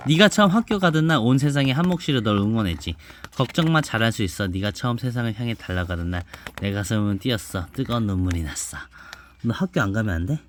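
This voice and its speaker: A man reading a picture book aloud to his child at home, gently and softly, stopping now and then to ask the child questions. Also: lowish voice, animated, fast, slight background noise. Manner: gentle, soft-spoken, stops to chat and ask the child questions. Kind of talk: bedtime storybook reading with asides to a child.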